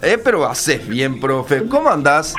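A man's voice: a little high, sing-song, a little slow, a bit bright. Man hosting an interview. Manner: friendly, prompting with short questions, hesitant fillers. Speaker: radio host. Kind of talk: casual interview.

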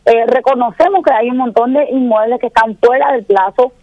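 Measured woman lawyer on a dull line. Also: a little high, no echo. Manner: measured, explains step by step, frequent tag questions. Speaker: defense lawyer, interview guest. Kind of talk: phone-in radio interview.

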